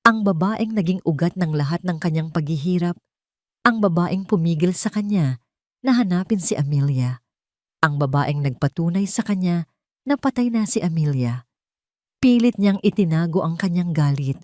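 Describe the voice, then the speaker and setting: A woman storyteller with a Filipino accent tells a scripted dramatic love story in solemn, melodramatic fashion. Her lowish voice has lively intonation and a moderate pace, captured in studio quality with no echo.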